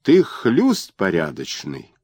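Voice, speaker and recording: Man doing a gruff, bullying fat governor. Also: low voice, huge pitch swings, slow pace, darkish tone, no room sound, studio quality, exaggerated voice. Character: fat, lazy, greedy provincial male governor.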